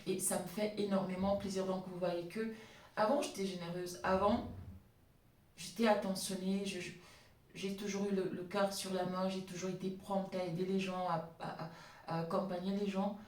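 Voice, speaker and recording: A woman's voice: mid-range voice, flat delivery, normal speed, darkish tone. Lisping woman in an echoey room. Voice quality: slight lisp on sibilants. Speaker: vlogger, cleaning business entrepreneur. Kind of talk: personal storytelling monologue to camera. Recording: echoey room, distant microphone.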